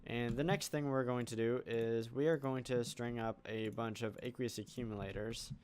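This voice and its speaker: A man's voice: mid-range voice, steady tone, normal speed, darkish tone, smooth. A man hosting a game channel, thinking aloud in casual let's play commentary as he builds. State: hiccuping. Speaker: gaming channel host.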